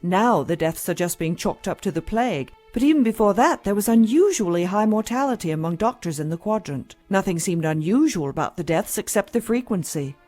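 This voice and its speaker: Woman acting a jaded, mellow-voiced hospital doctor. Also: mid-range voice, expressive, fairly quick, few pauses, soft background music, close to an everyday voice. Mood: weary, frustrated. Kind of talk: audio drama acting.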